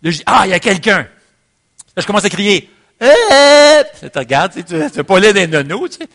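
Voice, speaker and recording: A man with a Quebec French accent preaching a sermon, opening with a lively personal story and acting out the voices and shouts in it. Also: high voice, quick pace.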